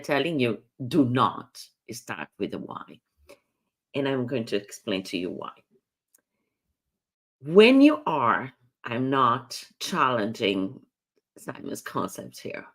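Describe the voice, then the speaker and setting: Woman, communication coach, live talk; low pitch, slow, earnest explainer who restarts phrases.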